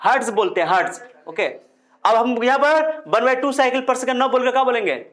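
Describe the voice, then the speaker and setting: A man's voice: very high voice, animated, normal speed, a bit bright. A male physics teacher lecturing a classroom, repeating key terms and firing questions at his students.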